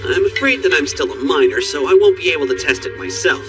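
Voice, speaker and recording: A teenage anime boy acting the amateur sleuth. His fairly high voice swings widely as he politely and playfully lays out deductions. It sounds set back, with music clearly underneath. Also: big pitch swings, fast talker, far from the mic. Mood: playful showmanship. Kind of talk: English anime dub acting.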